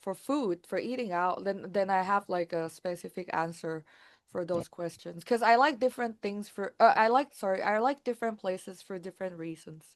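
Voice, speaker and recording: A young woman from Thailand talks as a guest in a relaxed interview. Her speech is quick and lively and full of little fillers, at a middling pitch for a woman. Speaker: guest, founder. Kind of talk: casual interview talk.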